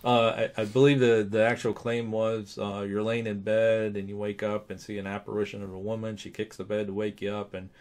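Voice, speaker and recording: Lowish-voiced man co-hosting a paranormal vlog. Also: flat delivery, a little fast, hardly any pauses, darkish tone. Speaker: paranormal show co-host. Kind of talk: casual two-host vlog discussion.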